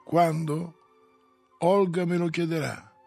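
Male reader doing an urgent, pleading friend, husky, pitched a little high. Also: fairly even intonation, takes it slowly, darkish tone, soft background music, heavily acted. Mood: urging. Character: Stolz, an earnest man pleading with his friend.

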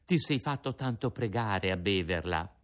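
A man voicing a patient, motherly fairy in a storybook reading, calm and gently scolding. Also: fairly low pitch, normal speed, natural voice.

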